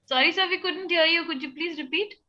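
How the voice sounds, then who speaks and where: Woman panelist, high voice, courteous; heard through a crackly, clicking, muffled call line. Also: a little fast, pushed and bright. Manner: polite and deferential. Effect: crackling, clicking video-call line. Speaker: panelist from a workers' rights group. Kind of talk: online panel discussion. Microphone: remote video call.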